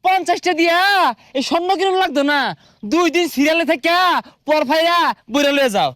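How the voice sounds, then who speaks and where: An actor playing a sly, boastful fuel hoarder in a comedy sketch, talking. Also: male voice, extremely high pitch, fairly quick, fairly bright tone. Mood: haggling. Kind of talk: comic sketch acting.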